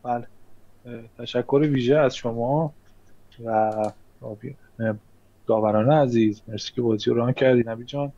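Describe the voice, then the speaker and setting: A man's voice: mid-range voice, steady tone, mellow. A man thanking the judges and beginning a recap of his play as a player in an online mafia game, hesitant. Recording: dry lo-fi online call audio.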